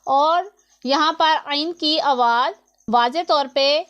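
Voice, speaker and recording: A woman's voice: high-pitched, slow pace, fairly bright tone, lo-fi sound. A woman teaching Quran recitation rules, patiently explaining each letter and how long to hold it, recorded close to the mic. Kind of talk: slow step-by-step tajweed lesson.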